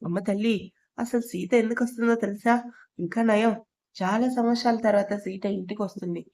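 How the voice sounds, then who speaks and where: A woman's voice: medium pitch, steady tone, a little fast, dark tone, close to an everyday voice. A woman voicing an alarmed, blunt young man in a storybook narration.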